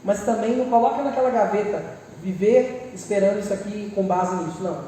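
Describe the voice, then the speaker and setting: A woman with a Brazilian accent preaching a lively sermon and acting out people's prayers with humorous asides. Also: mid-range voice, brisk, a little hiss or hum. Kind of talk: church sermon. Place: large church hall. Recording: echoey church hall, mic far off.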